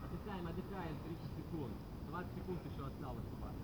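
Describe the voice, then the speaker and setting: A man's voice: a little high, lively intonation, fast. A man coaching a group workout on a grass field, giving short, commanding, repeated instructions and counts. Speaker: fitness coach leading group training. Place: outdoors on a grass sports field. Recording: noisy outdoor recording with vehicle sounds.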